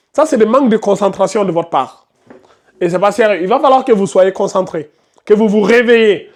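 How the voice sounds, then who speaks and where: A man teaching a live tajwid class, questioning students by name and insisting they concentrate. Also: high voice. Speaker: Quran recitation teacher.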